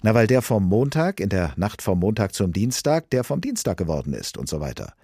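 Brief: man doing a scolding astronaut, deep and husky, dry studio sound. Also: big pitch swings, brisk, dark tone, no echo, heavily acted. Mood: impatient. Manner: pushy, scolding. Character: impatient brusque male astronaut, his future self. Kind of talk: dramatic audiobook reading.

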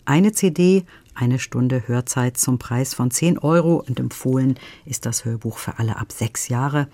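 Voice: mid-range voice, measured pace, dark tone, dry recording. A radio host asking a critic questions in a review conversation.

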